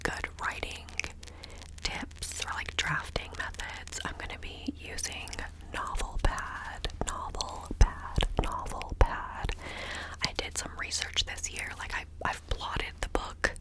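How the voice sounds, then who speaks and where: A woman speaks in a hushed, breath-only whisper, very close to an ASMR mic. She rambles informally from one thought to the next, moving ear to ear. Now and then she repeats a word or phrase in the same soft whisper. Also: rough recording. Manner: informal, meandering, with repeated words. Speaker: ASMR video creator. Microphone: close ASMR microphone.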